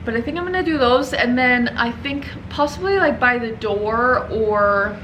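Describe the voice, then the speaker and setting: A bright, clear young woman talks casually to camera from her print shop, chatty and upbeat and quick to laugh. A faint hum of room noise sits behind her voice. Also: on the high side, lively intonation, low-quality recording. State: out of breath. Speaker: vlogger and small business owner.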